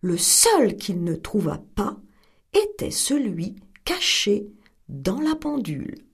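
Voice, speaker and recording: A woman reading a fairy tale aloud in an expressive, dramatic storytelling manner. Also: medium pitch, takes it slowly, breathy edge.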